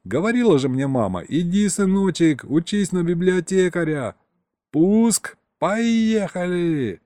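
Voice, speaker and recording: Young male pilot, mock-dramatic, wry, drawling, as a man puts him on, warm dry sound. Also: high voice, lively intonation, unhurried, no echo, pitched above the performer's own voice. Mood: joking. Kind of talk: audiobook character voice.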